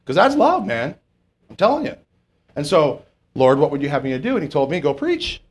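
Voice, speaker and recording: A man, a pastor, teaching a passage of scripture in a conversational way, often asking "okay?" and rising in pitch to stress his points. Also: sing-song, brisk. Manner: informal, keeps checking in with "okay?", rises in pitch on emphatic points.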